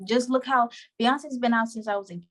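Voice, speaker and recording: A young adult woman of Trinidadian background, a show creator appearing as a guest, talks in a casual interview that's chatty, slangy and full of "like" and laughs. Her voice is fairly high with fairly even intonation and a moderate pace.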